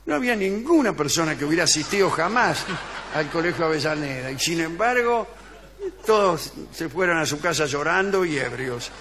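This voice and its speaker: An Argentine man tells a tall tale in deadpan fashion, his voice bright and a shade high. He chuckles along and slips into the voices of the people he quotes, like a sketch on live radio. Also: moderate pace, a little hiss or hum. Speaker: comic storyteller guest. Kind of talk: comic radio sketch monologue.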